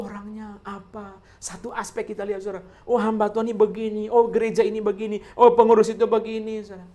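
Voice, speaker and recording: A man's voice: extremely high pitch, a bit bright. A male pastor preaching a sermon, asking rhetorical questions and repeating key words while constantly addressing the congregation as brothers and sisters.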